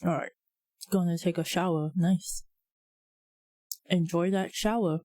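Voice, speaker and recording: A woman streamer chatting casually with her viewers, talking with a slight lisp and a relaxed, rambling manner. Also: lowish voice, unhurried, no room sound. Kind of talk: casual live-stream chat.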